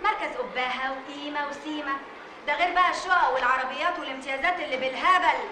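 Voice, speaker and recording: A woman's voice: sits high, very fast, roomy sound, noisy background, close to an everyday voice. A woman playing a chatty Egyptian schoolteacher. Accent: Egyptian Arabic.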